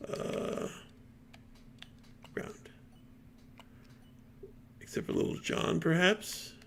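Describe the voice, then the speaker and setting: A man's voice: drawn-out words, fairly bright tone, slight background noise. A man streaming a game, reading dialogue aloud with chatty asides.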